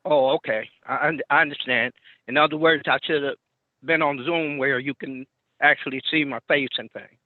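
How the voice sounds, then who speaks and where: A man testifying to a judge over a muffled phone line, speaking haltingly and repeating his words. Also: mid-range voice, steady tone, no room sound. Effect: muffled, tinny phone line. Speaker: party in a court hearing. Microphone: telephone. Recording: dry narrow phone-line sound.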